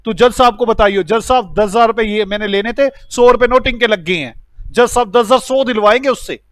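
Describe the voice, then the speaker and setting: A man's voice: high-pitched, fairly quick, a bit bright, dry recording. Man playing a boastful notary uncle. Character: self-assured male notary, the woman's uncle.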